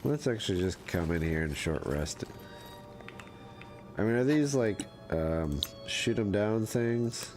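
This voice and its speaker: A man giving casual commentary while playing a fantasy role-playing game, thinking aloud in a relaxed, offhand way. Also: fairly low pitch, slow pace, faint music behind.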